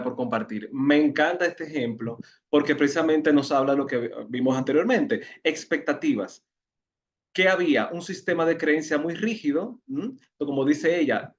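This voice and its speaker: Man, Dominican accent, online class leader, explains and asks questions, slightly high voice, muffled call audio. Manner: explanatory, asks the audience questions, repeats words when searching. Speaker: facilitator of an online educational session. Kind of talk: interactive talk to an online group. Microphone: video call.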